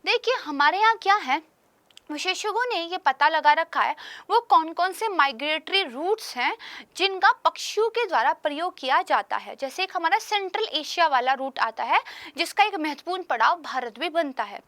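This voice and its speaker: A woman's voice: very high-pitched, animated, moderate pace, a bit bright, no echo. A young woman teaching current affairs for exam preparation, explaining each point and often checking in with "right?" and "okay".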